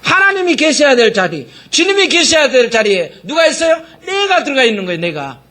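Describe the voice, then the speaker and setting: A man's voice: very high-pitched, big pitch swings, brisk, sharp tone. A male pastor preaching a sermon, firing rhetorical questions at the congregation and mockingly acting out quoted voices.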